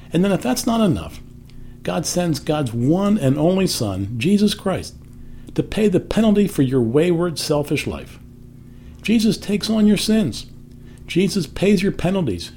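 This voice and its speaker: An older man tells a family story and then turns it into a devotional message. His voice is mellow and sits a little high for a man, and it swings widely in pitch as he stresses his words. A soft background ambience stays under him. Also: slight background noise. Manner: emphatic storytelling, softening for quotes. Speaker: devotional speaker.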